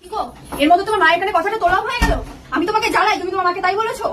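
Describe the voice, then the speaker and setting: A woman acts out a touchy young wife who takes offence at everything and pities herself loudly. Her voice sits very high and the words tumble out at a rapid clip. She sounds a little distant in a reverberant room over steady background noise. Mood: indignant. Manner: huffy, complaining, melodramatic. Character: sulking, touchy young wife, dramatic and self-pitying. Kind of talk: comic sketch acting.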